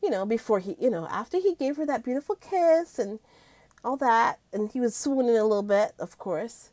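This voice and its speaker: A woman vlogging in a loose, chatty way, gushing to her viewers and calling them guys. Her voice sits a little high and swings widely in pitch. The sound is dry and close, with no room echo. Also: animated, moderate pace, a little mellow. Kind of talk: casual commentary chat.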